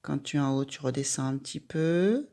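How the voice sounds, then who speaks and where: A woman's voice: extremely low pitch, brisk, dark tone. A woman giving a patient, step-by-step handwriting lesson, speaking directly to a young child with simple instructions. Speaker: handwriting teacher.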